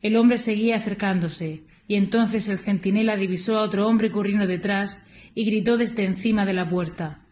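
Woman reading scripture in a steady voice. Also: mid-range voice. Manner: measured, steady reading aloud with small slips. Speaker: liturgical reader. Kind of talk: reading scripture and liturgy of morning prayer.

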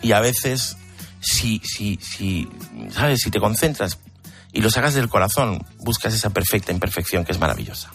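A man, a painter chatting as an interview guest and telling lively anecdotes. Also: on the low side, moderate pace, over music. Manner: animated, laughing anecdotes. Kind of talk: casual interview storytelling.

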